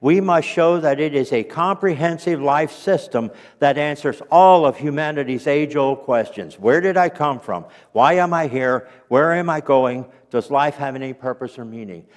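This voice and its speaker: A man teaching a Sunday school class, reading quotations aloud in an earnest, unhurried way and stopping now and then to clear his throat or correct himself. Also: on the high side, big-room sound. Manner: corrects himself mid-sentence. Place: church.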